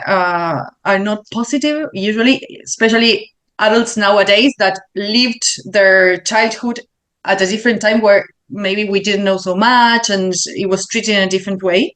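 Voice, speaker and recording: A woman with a Uruguayan Spanish accent, a learning consultant being interviewed, speaking English as a second language and pausing to find her words. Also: mid-range voice, a bit bright. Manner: thoughtful, searching for words with fillers. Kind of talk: interview answers.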